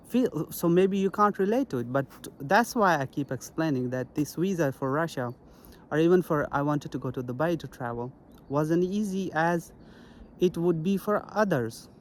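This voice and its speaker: A young man from Pakistan talking earnestly to camera in a casual vlog, repeating his key points. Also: on the high side. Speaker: self-help vlogger.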